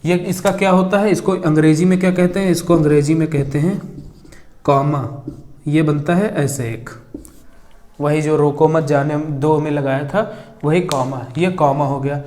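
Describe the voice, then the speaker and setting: A young male teacher delivers a grammar lesson at a board in a somewhat high, mellow voice with fairly even intonation. He dictates at a slow pace, repeating words while writing them down, and he routinely asks questions only to answer them himself.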